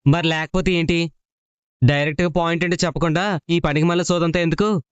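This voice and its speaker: A man's voice: on the high side, steady tone, a little fast, clear, resonant tone, dry recording, natural voice. An actor playing a blunt, sarcastic young male student.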